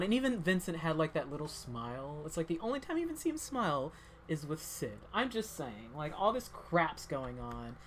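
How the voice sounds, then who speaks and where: A woman's voice: lowish voice, slight background noise. A woman giving casual, rambling commentary while playing a game. She fills her talk with "like" and sounds heated yet cheerful. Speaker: gameplay commentator. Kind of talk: casual gameplay chat.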